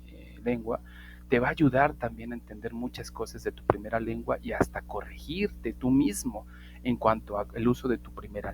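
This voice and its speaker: A man's voice: medium pitch, darkish tone, a little hiss or hum. A man giving a casual spoken English lesson, wandering into asides and restarting his sentences. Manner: talks around the point, restarts and asides. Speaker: English teacher.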